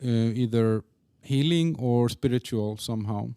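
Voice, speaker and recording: A man's voice: medium pitch, a little slow, dark tone, clean tone, dry recording, clean studio sound. Rambling man hosting a podcast. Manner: rambling, with many fillers and restarts. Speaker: podcast host. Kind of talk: casual interview.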